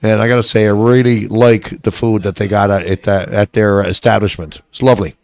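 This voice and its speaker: A man commentating a curling match, chatting in a relaxed way with many fillers. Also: on the low side, brisk, no echo. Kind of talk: sports commentary.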